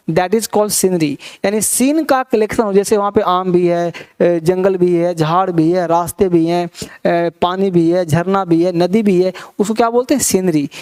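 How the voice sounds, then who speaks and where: A middle-aged man teaching English grammar in a classroom, who keeps asking quick questions and mixes in English terms. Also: high-pitched, a little mellow, smooth. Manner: coaxing, asks many quick questions. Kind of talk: classroom lecture.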